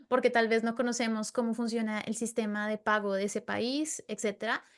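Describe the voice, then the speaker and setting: A woman's voice: a little high, fairly even intonation, normal speed. A woman from Latin America hosting a casual interview, talking earnestly with fillers like "como" and tag questions. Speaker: podcast host.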